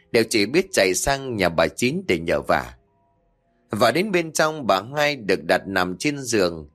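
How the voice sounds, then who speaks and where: A male narrator reads a horror tale expressively. His voice is low but swings widely in pitch for drama. Quiet music plays in the background. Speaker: storyteller. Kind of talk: scripted horror audiobook narration.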